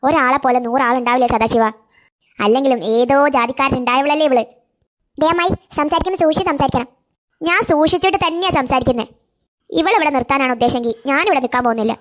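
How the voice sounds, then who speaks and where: A woman's voice: high voice, fast, close to an everyday voice. Woman doing a scornful cartoon aunt. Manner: scornful, accusing. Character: sharp-tongued suspicious middle-aged aunt.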